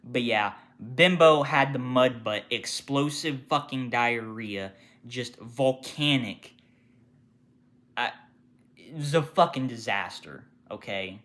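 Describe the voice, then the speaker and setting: A retail worker rants through a casual storytime, swearing freely. The voice has a bright, cutting edge at a middling pitch. It lurches from loud exclamations to low, muttered asides. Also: slow pace. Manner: profane, animated, swings from loud outbursts to muttered asides. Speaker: retail worker telling work stories.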